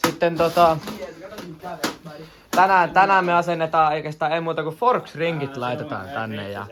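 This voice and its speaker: A man's voice: fairly high pitch, background noise. A young man casually narrating a garage vlog, joking and swearing as he works. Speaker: vlogger. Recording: music playing loudly in the garage. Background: loud music playing.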